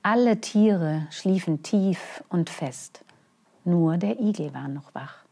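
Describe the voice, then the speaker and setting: Woman, bedtime story reading, very unhurried, slightly low husky voice, gentle, hushed endings. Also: expressive.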